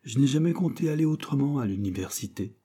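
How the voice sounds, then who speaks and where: A man's voice: medium pitch, animated, fast, warm tone, slightly rough, pitched above the performer's own voice. A man voicing an earnest, determined young student in an audiobook. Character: eager young man, poor student set on university.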